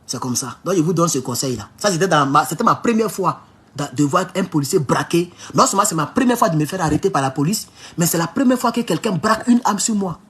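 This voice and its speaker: Emphatic Ivorian man, slightly high voice. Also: lively intonation, fast, fairly bright tone. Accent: Ivorian French. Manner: emphatic, warning tone, with English phrases mixed in. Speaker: political vlogger. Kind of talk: casual storytelling monologue.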